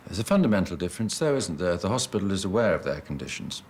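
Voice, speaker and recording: A stern senior surgeon in a TV hospital drama, with a low voice. He is formal and restrained, choosing precise, clipped phrases. There is faint noise behind him. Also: very animated, fast, darkish tone. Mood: measured, firm. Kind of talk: scripted TV drama dialogue.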